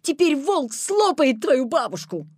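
Bossy shouting schoolboy, as a woman puts him on. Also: on the high side, sing-song, unhurried, dry recording, studio quality. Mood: urgent. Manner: shouting, commanding. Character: bold, bossy young schoolboy.

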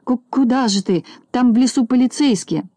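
A woman voicing a timid, easily frightened small male farmer in a storybook reading, stammering and excitable. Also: on the high side, normal speed, no room sound, pitched above the performer's own voice, natural voice.

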